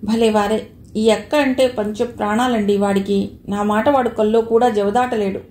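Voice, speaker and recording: A woman's voice: mid-range voice, steady tone, normal speed, darkish tone, a little hiss or hum, natural voice. A woman reading out the lines of a married elder sister, speaking with confident, boastful pride in a roomy recording. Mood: proud, sure. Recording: echoey room.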